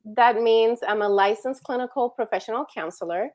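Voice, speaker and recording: A woman's voice: on the high side, fairly quick, darkish tone. Chatty woman therapist guest. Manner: friendly, chatty, with light laughs and fillers like "like". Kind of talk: interview conversation.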